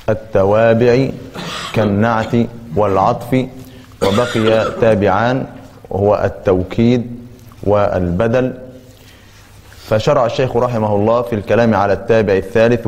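A man's voice: on the low side, fairly even intonation, darkish tone, slight background noise. Brief: male teacher explaining grammar point by point with emphatic stress, recorded with a lingering hall reverb. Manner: deliberate, emphatic, repeats key terms.

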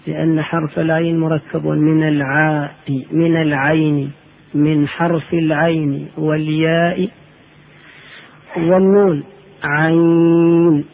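A man giving a religious lesson on Quran recitation, explaining slowly and chanting the letters in drawn-out tones. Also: on the high side, flat delivery, creaky. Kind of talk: religious lecture. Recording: tinny phone-like lo-fi audio.

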